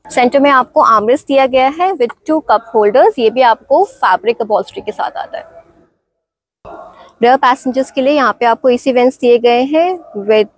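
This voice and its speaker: Speaking at a moderate pace in a fairly high voice, a woman with an Indian accent walks around a car and describes its features one by one. Her narration blends Hindi and English phrases. The recording quality is low.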